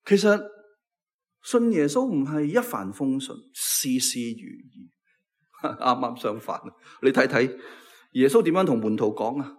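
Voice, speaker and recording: Cantonese guy preaching, husky voice, pitch jumps all over, loud then dropping real quiet. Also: animated, a little slow. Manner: dramatic swings between loud emphasis and hushed low phrases. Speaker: pastor. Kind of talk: sermon.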